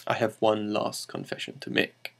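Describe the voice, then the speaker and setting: A man's voice: fairly low pitch, very animated, normal speed, creaky, fairly bright tone, heavily acted. A man voicing a French emperor making a rambling confession to a priest, in his own plain voice with no accent. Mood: confessing.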